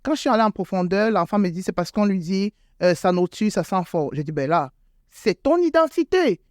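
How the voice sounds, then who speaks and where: In a clean studio recording with no room sound, a woman speaks in a mid-range, expressive, fairly quick voice with a darkish tone. She's a guest being interviewed about her beauty salon, which she owns, and she's an adult with school-age children. Her answers are hesitant and cluttered with fillers and repetitions, rising sharply on emphasis.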